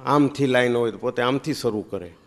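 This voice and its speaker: A male comedian spins a comic yarn on stage in a chatty, teasing way. His voice sits at an ordinary middle pitch but jumps up loud for punchlines and drops low and quiet for asides. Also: brisk. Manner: chatty and teasing, with big swings in pitch and loudness. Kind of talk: stand-up comic storytelling.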